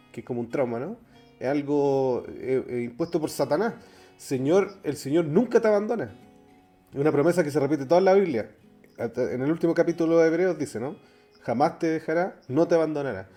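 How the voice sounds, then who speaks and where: A Chilean co-host speaks in a reflective, halting way, restarting his sentences. His tone is dark and mellow, sitting a little high. Soft guitar music plays faintly behind. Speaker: podcast co-host. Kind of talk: casual podcast discussion.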